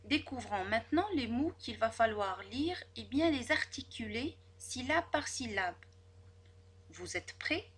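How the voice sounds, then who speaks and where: A woman teaching a spelling lesson to children, sounding out each word slowly and clearly, syllable by syllable. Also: a little high, expressive, a little hiss or hum. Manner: slow, over-articulated, syllable by syllable.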